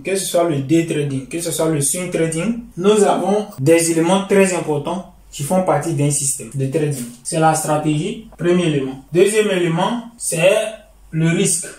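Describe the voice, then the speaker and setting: A man's voice: on the high side, normal speed, a little mellow, faint music behind. Man teaching trading, roomy distant sound. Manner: explanatory, repeats phrases, addresses "chers amis". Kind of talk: lecture over charts.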